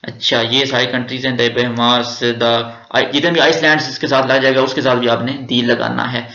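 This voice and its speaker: रूखी खरखराती आवाज़ वाला पाकिस्तानी शिक्षक. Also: male voice, medium pitch, fairly even intonation, normal speed, sharp tone. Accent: Pakistani Urdu. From Pakistan. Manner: repetitive, drilling rules step by step. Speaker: teacher. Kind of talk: grammar lecture. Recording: echoey room, dull lo-fi sound.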